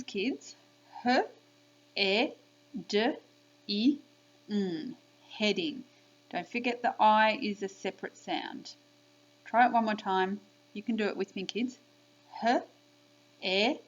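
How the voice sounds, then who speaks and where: A woman leads a children's spelling lesson at an unhurried pace, sounding out each letter and sound clearly. Her voice sits at a middling pitch. The recording is slightly dull and lo-fi. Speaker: primary school teacher.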